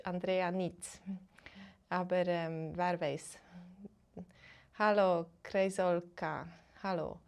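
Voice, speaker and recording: A woman from Switzerland who teaches Swiss German, chatting casually with live-stream viewers and greeting them one by one. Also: lowish voice. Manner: greets chat viewers, slow and unhurried, switches between English and German.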